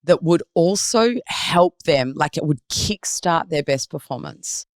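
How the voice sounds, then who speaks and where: Animated woman coaching a mindset. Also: deep voice, unhurried, no room sound, studio quality. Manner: animated, acts out anxious inner voices and self-talk; asks the host guiding questions. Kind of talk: coaching explanation in a podcast interview.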